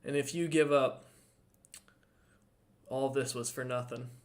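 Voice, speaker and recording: A man's voice: mid-range voice, fairly even intonation, slow pace, natural voice. A man voicing an earnest young boy who is hopeful and grieving. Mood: solemn. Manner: earnest, pleading.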